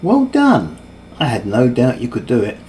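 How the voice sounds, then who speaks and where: A man's voice: mid-range voice, fairly even intonation, brisk, mellow, slight background noise, lightly acted. A man voicing a smug, overpowered male villain mage who taunts his victims with casual cruelty. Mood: gloating. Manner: mocking, cocksure, casually cruel.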